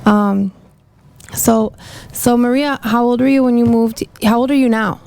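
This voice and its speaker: A woman's voice: a little high, steady tone, a little slow, creaky, darkish tone, clear, resonant tone. A woman hosting a casual podcast from her mobile salon, chatting in a rambling, upbeat, self-hyping way, recorded on a phone. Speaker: podcast host, hairdresser. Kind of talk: casual interview chat.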